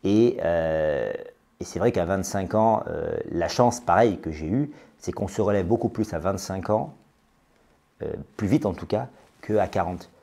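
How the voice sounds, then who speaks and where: Hesitant low-voiced man in his thirties. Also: expressive, measured pace, mellow. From France. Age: 30s. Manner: hesitant, many fillers and repeated words. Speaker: interview guest, business owner. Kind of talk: podcast interview.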